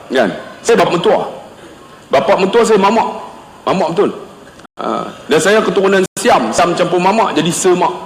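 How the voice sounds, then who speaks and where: A middle-aged male preacher speaks loudly to an audience and acts out the people in his anecdotes. His voice sits high for a man and swings widely in pitch. The sound rings with the long, roomy echo of a large hall. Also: a little hiss or hum. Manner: loud, animated storytelling with voiced quotes. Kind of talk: humorous religious lecture. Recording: echoey hall, long reverb.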